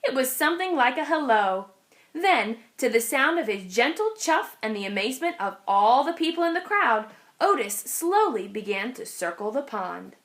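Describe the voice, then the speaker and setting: A woman narrates a picture book for children, using an expressive storyteller's style. She talks at a moderate speed with a fairly high pitch.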